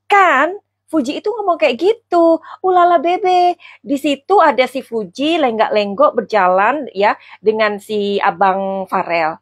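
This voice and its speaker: Husky theatrical gossip-vlogging woman. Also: fairly high pitch, animated, a little slow, dry recording. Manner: theatrical, teasing, calls viewers darling. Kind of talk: chatty celebrity gossip commentary.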